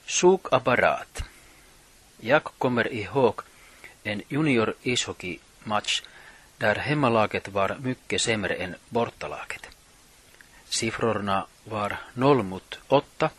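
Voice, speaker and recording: A middle-aged man presenting a radio show, reading his script in a measured, plain way. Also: fairly low pitch, a bit bright, husky, no echo. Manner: reads from notes, measured and plain.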